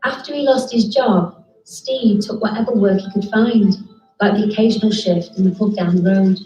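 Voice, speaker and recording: A woman reads documentary narration in a calm, factual way. Her voice is mellow and dark, with a roomy echo around it. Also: medium pitch, moderate pace, highs cut off, faint music behind. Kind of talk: scripted narration.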